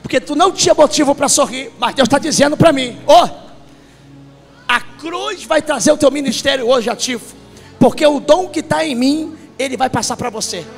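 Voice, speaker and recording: A Brazilian pastor, preaching prophetically, shouting and repeating phrases for others to echo. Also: male voice, extremely high pitch, normal speed, soft background music.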